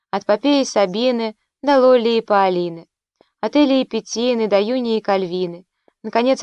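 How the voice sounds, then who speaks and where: A woman's voice: medium pitch, a little mellow, smooth, dry recording, close to an everyday voice. A woman reading an audiobook, voicing a young Roman noblewoman who is tender, anxious and jealous of rivals. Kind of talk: audiobook narration.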